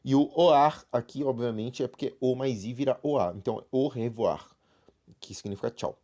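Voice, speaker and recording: A man's voice: mid-range voice, moderate pace, mellow. Man, Brazilian accent, French teacher, textbook walkthrough, explanatory, chatty check-ins. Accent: Brazilian Portuguese. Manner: explanatory, frequent "né?" and "tá?" tags. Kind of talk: online class walkthrough.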